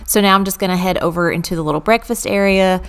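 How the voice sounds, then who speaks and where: A woman's voice: mid-range voice, fast talker. A woman, chatting through a clean-with-me voice-over and telling stories from her childhood. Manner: chatty, storytelling, amused. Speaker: vlogger.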